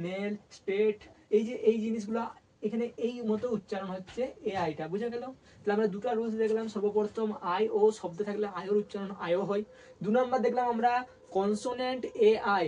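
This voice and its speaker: Male teacher from West Bengal, husky voice, distant mic, asks and answers his own questions, repeats words. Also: high voice, a little mellow. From West Bengal, India. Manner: asks questions and answers them himself, repeats each word. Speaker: English teacher. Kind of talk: spoken language lesson.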